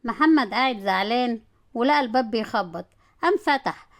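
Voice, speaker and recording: A woman with an Egyptian Arabic accent, narrating a comic story in a brisk, animated way. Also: on the high side.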